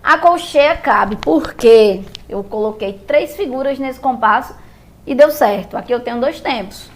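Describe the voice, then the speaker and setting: A Brazilian woman, speaking in a fairly high, lively voice with a Brazilian Portuguese accent, teaches music theory without rushing. She breaks rhythm down step by step, patiently repeats, and often checks in with viewers with "beleza?".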